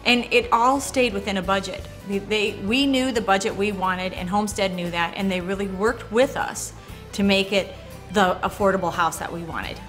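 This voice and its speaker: A woman with a medium-pitched voice gives a customer testimonial in a conversational way. Soft music sits behind her. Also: fairly even intonation, moderate pace.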